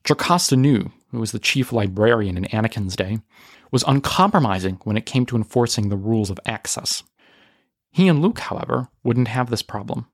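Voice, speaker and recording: A man's voice: fairly low pitch, lively intonation, dry recording. Man narrating a story, dry close sound. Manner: dramatic storytelling, slows for tense moments. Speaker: audio drama narrator. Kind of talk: scripted narration.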